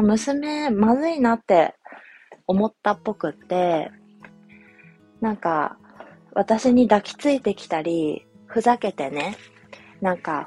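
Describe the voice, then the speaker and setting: A young woman, a mother, telling a personal family story in a soft, reflective, casual way with many fillers. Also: mid-range voice, slightly rough. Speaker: podcast host, mother. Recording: faint music behind.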